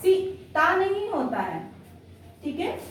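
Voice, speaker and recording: A woman with a high voice teaches young children in an unhurried, patient way, repeating each word and often checking that they follow. She is heard from a distance in a very echoey room. A faint noise runs underneath. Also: big pitch swings. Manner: slow, patient, repeats each word and keeps saying "theek hai". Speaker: primary school Hindi teacher. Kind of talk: online class lesson.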